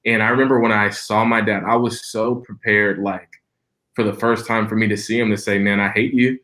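Earnest low-voiced young preacher. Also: male voice, flat delivery, brisk, sharp tone. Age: 20s. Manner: earnest and reflective, with frequent restarts. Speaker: podcast guest, preacher. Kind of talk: personal storytelling in a podcast interview.

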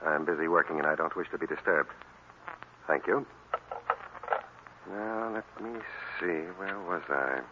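A man playing a flustered, indignant professor in an old radio drama, with a breathy, stammering delivery. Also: very deep voice, unhurried, long pauses, sharp tone, a little hiss or hum, full character voice. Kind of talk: 1930s radio drama acting. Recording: tinny old radio broadcast.

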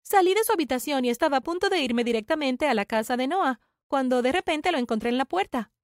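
Brief: young female narrator, first-person confessional drama, high and bright. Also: animated, fast, no room sound, studio quality.

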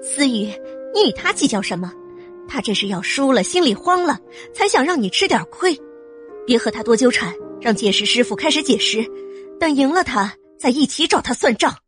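A woman's voice: sits high, big pitch swings, normal speed, fairly bright tone, voice pushed up. A woman playing a fawning, scheming mother. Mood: soothing. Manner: fawning, boastful, sing-song. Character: doting, scheming middle-aged mother. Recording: faint music behind.

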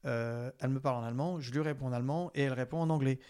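A young man from France talks fast as a podcast guest. He keeps stopping to restart his sentences and fills the gaps with small hesitations. His tone stays casual and conversational. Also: medium pitch, a little mellow, smooth.

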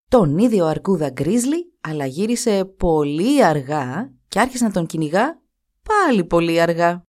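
A woman reads a folk tale aloud as a storyteller. Her voice moves widely in pitch, expressive and lively, at a middle pitch. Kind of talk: storybook reading.

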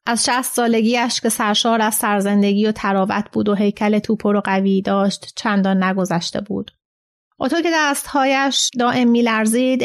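Woman narrating a literary story steadily. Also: medium pitch. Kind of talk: scripted narration.

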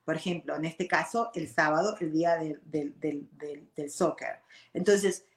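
A show host in her forties with an Argentine Spanish accent speaks in a low-pitched voice at a measured pace, leading a casual personal talk. She's expressive, tags her sentences with "¿ok?", and drops in English words; the recording has a roomy echo.

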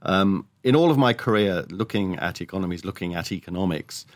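A man's voice: deep voice, animated, brisk, no room sound. A man giving emphatic, opinionated commentary as a columnist guest in an interview. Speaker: economics columnist, podcast guest.

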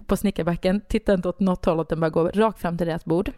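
A woman author, a guest, telling a personal story in a casual, animated way, full of fillers and restarts. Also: on the low side, no room sound, clean studio sound. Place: Stockholm studio.

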